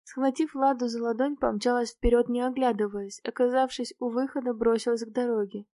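A woman reading a novel aloud in the first person, with clear, expressive storytelling. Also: a little high, a little fast, no echo, studio quality. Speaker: audiobook narrator.

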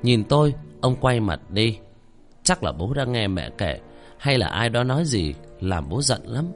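A man narrates a first-person horror story with a dramatic, expressive delivery. His mid-range voice swings widely in pitch, and faint music plays underneath. When he speaks as himself in the story, he pleads with feeling. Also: measured pace.

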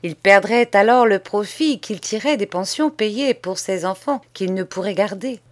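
A woman's voice: mid-range voice, moderate pace. Woman reading a children's novel. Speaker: audiobook reader. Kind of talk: scripted narration of a children's novel.

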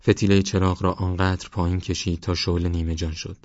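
A man calmly narrating a literary novel as an audiobook reader. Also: low voice, dry recording, lo-fi sound.

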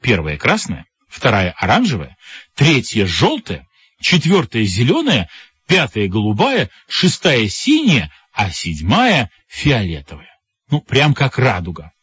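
A man narrating a children's audiobook in an expressive storytelling manner. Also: medium pitch, unhurried, husky, no echo. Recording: lo-fi audio with music behind.

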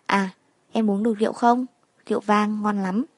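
A woman's voice: medium pitch, fairly even intonation, fairly quick, no room sound, close to an everyday voice. Coaxing, scheming male boss, middle-aged, dry close voice , played by a woman.

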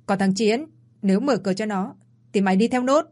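A woman's voice: mid-range voice, fairly quick, darkish tone, close to an everyday voice. A woman voicing a stern, unforgiving middle-aged mother who scolds coldly, in a spoken audio story. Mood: harsh. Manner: scolding, cold.

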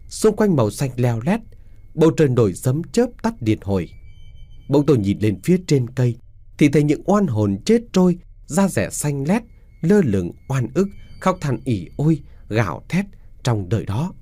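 A man narrating a ghost story, voicing the characters with dramatic shifts in loudness. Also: medium pitch.

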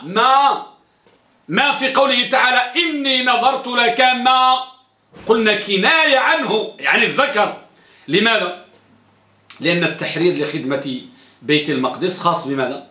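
Male teacher, high bright voice, quizzes his class and repeats key terms, echoey classroom. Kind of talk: classroom grammar lesson. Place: classroom with students.

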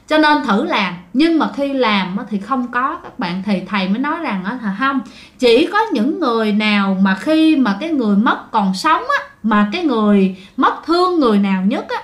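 Southern vietnamese woman telling ghost stories, chatty, slightly high voice. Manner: chatty, addresses listeners often. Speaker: storyteller. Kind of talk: casual ghost story telling.

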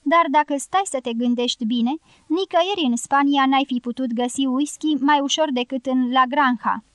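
A woman reading a calm, good-humoured man. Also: high voice, no room sound.

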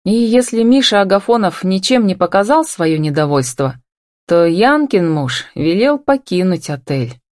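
A stern inner conscience scolding a young woman, as a woman reader puts it on. The voice is reproachful and a little low, recorded dry and close. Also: lively intonation, moderate pace, darkish tone, no echo, lightly acted.

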